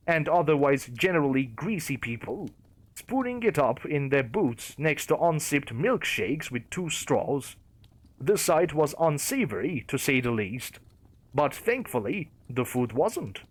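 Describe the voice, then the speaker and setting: A man narrating a creepypasta story in a wry storytelling manner. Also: fairly high pitch.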